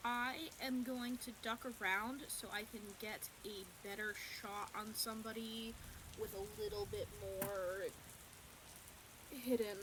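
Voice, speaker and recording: A woman's voice: mid-range voice, steady tone, measured pace. A woman playing a tabletop game, speaking hesitantly with frequent ums as she decides her character's moves. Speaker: player. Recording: hissy background noise.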